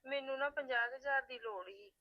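A woman's voice: sits high, brisk, dry recording, natural voice. A woman playing a young married daughter in money trouble, phoning her parents and pleading in an upset voice. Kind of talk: family web drama acting. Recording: muffled, dull phone-like sound.

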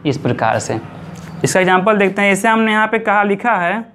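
A man teaching English grammar, asking questions and answering them himself, stretching out example words slowly. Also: sits high, very animated, a bit bright, a little hiss or hum. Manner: repeats points slowly, drawing out example words. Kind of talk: classroom-style grammar lesson.

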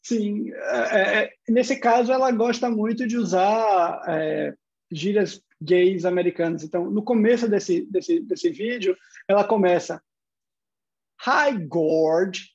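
A man's voice: sits high, steady tone, unhurried, darkish tone, muffled recording. A man with a Brazilian Portuguese accent giving an online university lecture, explaining step by step and posing rhetorical questions.

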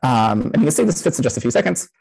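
Speaker, man in his 30s, husky voice that moves around a lot in pitch; relaxed live-coded talk through a headset. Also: racing, low-quality recording. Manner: casual, many "um" fillers. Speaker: conference speaker.

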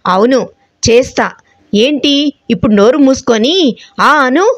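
A woman's voice: sits high, a little slow, no room sound. A woman doing Ishan, a bossy rich young man. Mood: stern. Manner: curt commands, then teasing.

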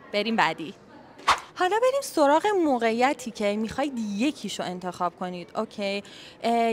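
A young Iranian woman, an English teacher, gives a casual video lesson in a medium-pitched voice with a little hiss or hum. She's chatty, often asks "okay?", and switches between Persian and English, in an office as colleagues leave.

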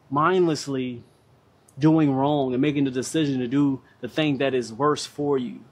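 Husky, higher-voiced man preaching motivation. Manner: emphatic, preaching, halting with repeated phrases. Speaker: fitness vlogger. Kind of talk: motivational monologue to a live audience online. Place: outdoor balcony deck with workout equipment.

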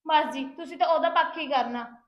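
A woman's voice: high-pitched, a little fast, reverberant, muffled recording, natural voice. A woman playing a defensive, chatty younger sister who complains to her husband.

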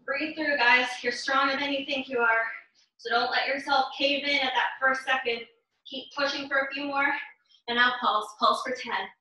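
Her voice is high, bright and pushed, moving at a normal speed with fairly level intonation as she exerts herself through a home workout. Playing an urgent, supportive gym coach, the young woman repeats short commands and counts indoors in her living room. A distant camera mic a few metres off leaves the room sounding very echoey.

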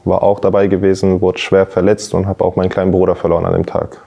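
A man in his twenties, an interview guest, giving a calm, measured personal account with frequent filler sounds, seated in a youth centre lounge. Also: deep voice, creaky, breathy edge, dull audio. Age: 20s.

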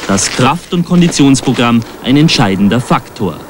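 A man reading the scripted voice-over of a TV sports report in a measured, informative way. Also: medium pitch, expressive, background noise. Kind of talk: scripted narration. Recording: voice-over with music bed.

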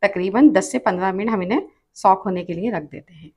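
A woman with a Pakistani Urdu accent hosting a cooking channel, calmly explaining each step of a recipe and repeating her tips. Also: medium pitch, brisk, slightly rough. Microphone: off-camera voice over hands-only cooking shots.

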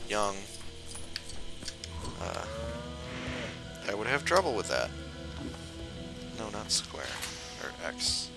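Slow, offhand young man with creaky voice. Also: on the low side, huge pitch swings. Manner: offhand, wry. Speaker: gamer. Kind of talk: casual let's-play commentary. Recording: voice mixed with loud game audio. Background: loud game music and sound effects.

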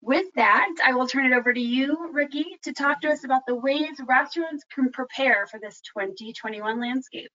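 A woman moderating a webinar, reading scripted announcements and a speaker introduction in a smooth, even way. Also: high-pitched, moderate pace, few pauses, distant mic, highs cut off.

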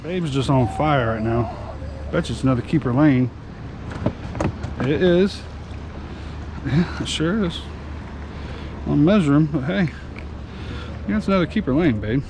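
Unhurried and given to long pauses, the captain speaks in a highish voice with lively intonation. He's hosting his fishing channel from an open boat, chatting casually and upbeat, folksy, addressing everyone as y'all. The boat's action camera records it along with engine and water noise.

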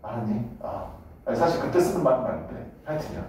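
A man teaching a high school English class in a blunt, joking way, swearing casually and often checking whether the students follow. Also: sing-song, quick pace, a little mellow, a little hiss or hum. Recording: echoey classroom from a distance.

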